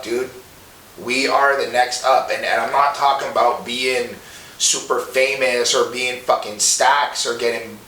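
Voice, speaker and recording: A man's voice: mid-range voice, fairly bright tone, recorded from a distance. Casting: young man in his twenties from Montreal, earnest and profane, loose rambling talk, recorded off-mic in a roomy space with faint hiss. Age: 20s. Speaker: rapper guest. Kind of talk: casual monologue interview.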